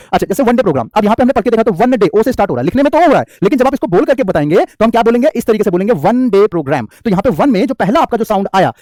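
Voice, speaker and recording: Fast, lively Indian teacher quizzing his class. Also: sits high, no echo, studio quality. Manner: bilingual, quizzing students with questions and answering himself. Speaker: online English teacher. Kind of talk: live online class.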